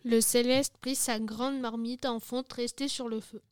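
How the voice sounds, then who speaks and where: A woman reading a storybook tale aloud as narrator, measured and careful. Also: fairly high pitch, steady tone, clean tone, no room sound, studio quality.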